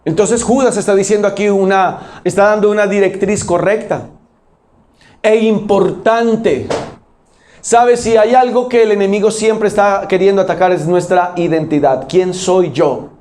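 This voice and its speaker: A man's voice: sits high, measured pace, darkish tone, a little hiss or hum. A man, preaching a sermon as pastor in a church auditorium, emphatic and full of rhetorical questions.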